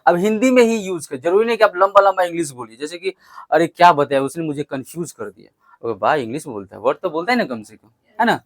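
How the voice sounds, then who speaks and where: A man's voice: a little high, lively intonation, fast talker, no room sound. Man drilling vocabulary with a class. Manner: call-and-response drilling, spells words letter by letter. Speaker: English teacher. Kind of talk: vocabulary lesson.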